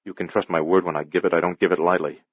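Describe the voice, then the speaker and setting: Man playing a calm, wary police detective. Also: low voice, fast, husky, no echo, phone-quality sound. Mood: guarded calm. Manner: calm, clipped, guarded.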